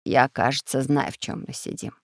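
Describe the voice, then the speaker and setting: A woman voicing a fussy elderly male professor who talks low and breathily. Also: steady tone, moderate pace, no room sound, clean studio sound. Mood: musing.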